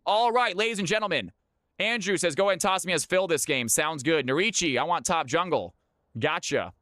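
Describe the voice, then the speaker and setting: A man's voice: fairly high pitch, brisk, pushed and bright, no room sound, studio quality. A man hosting a livestream of community games, chatting informally with viewers and often repeating his phrases. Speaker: livestream host running community custom games. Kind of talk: livestream chat and game-lobby announcing.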